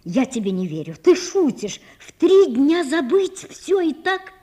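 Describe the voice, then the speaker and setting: A woman's voice: sits high, sing-song, a little slow, warm tone, voice pushed up. A woman voicing an earnest young woman who reasons with her friend in an audiobook. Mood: disbelieving. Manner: reasoning, firm, reproachful. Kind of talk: audiobook character reading.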